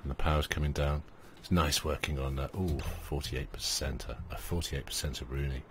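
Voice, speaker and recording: A bass-voiced man hosting a gaming channel delivers brisk let's play commentary in a steady tone, with a little hiss or hum present. He muses aloud, leans on fillers, and now and then talks to the small characters in his game.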